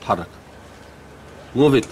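An actor playing a jovial, easygoing company boss with an Egyptian accent, genial and joking. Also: male voice, moderate pace, a crowd in the background, natural voice. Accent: Egyptian Arabic. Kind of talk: sitcom acting.

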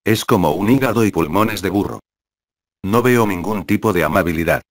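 A man reading the lines of a teasing, know-it-all young girl in a flat, low voice. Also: moderate pace, no room sound, clean studio sound. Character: cheeky meddling young girl, Bai Ou.

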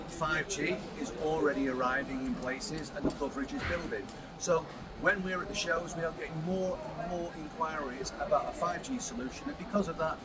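Filmed up close on a phone, a man in his fifties demonstrates a product kit at a trade show stand. He delivers an upbeat pitch while handling the kit, and the show floor's background noise comes through clearly.

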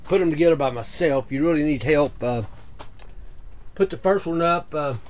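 A man giving a casual walkthrough of his small greenhouse, plain-spoken and listing things with frequent "uh" pauses, recorded on a head-mounted camera. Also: fairly high pitch, slight background noise. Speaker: video creator giving a greenhouse tour. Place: small greenhouse at night, indoors. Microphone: head-mounted action camera.

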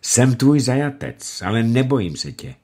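A man voicing a calm, defiant captured soldier who speaks steadily and proudly. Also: medium pitch, husky, pitched above the performer's own voice.

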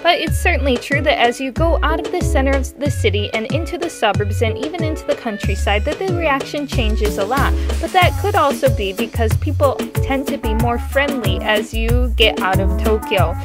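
A young woman narrates in a conversational way. Her voice sits fairly high, and music plays clearly behind her. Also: expressive, moderate pace, few pauses. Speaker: vlog narrator. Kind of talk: conversational voice-over commentary.

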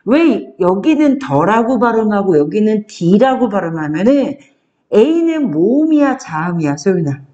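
A woman tutoring a child one-on-one, coaxing the child along and reading sentences out slowly before explaining them. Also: mid-range voice, sing-song, dark tone, highs cut off.

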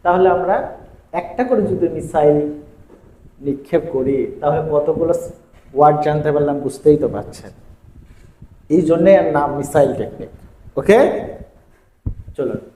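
A man teaching English grammar in a video lesson, going through word lists in a steady, repetitive rhythm. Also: on the high side, normal speed, pauses often. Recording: echoey room with faint ambient noise.

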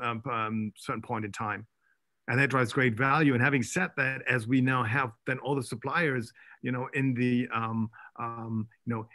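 A man's voice: medium pitch, fairly bright tone. A man with a mid-range voice talks on a business panel over a video call. He rambles and keeps dropping in filler phrases. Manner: rambling, with frequent "you know". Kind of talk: panel discussion.

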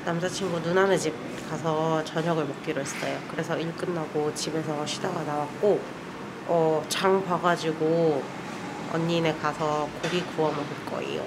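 A woman's voice: low-pitched, steady tone, normal speed. A young woman talking to viewers through a face mask as she vlogs in a busy shopping mall. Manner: chatty, talks to viewers. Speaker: vlogger. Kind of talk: casual vlog narration. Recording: loud crowd and background noise.

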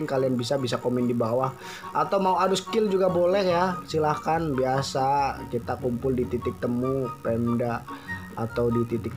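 Joking young man with Jakarta slang. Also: mid-range voice. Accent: Jakarta colloquial Indonesian. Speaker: motovlogger. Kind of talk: dubbed voice-over commentary. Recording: background music under voice.

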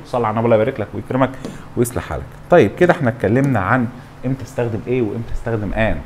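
Young Egyptian male tutor, rapid animated delivery, plays his own student too. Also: medium pitch, a little hiss or hum. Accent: Egyptian Arabic. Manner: plays both teacher and student in mock dialogue. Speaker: English teacher. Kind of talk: lively classroom-style lecture.

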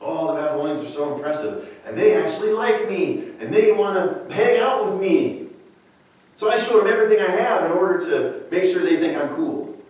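A man's voice: high voice, big pitch swings, moderate pace, pitched above the performer's own voice. A man playing a proud, starstruck king. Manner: starstruck, boastful, gushing. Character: proud, naive male king, eager to impress. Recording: echoey hall, mic far off.

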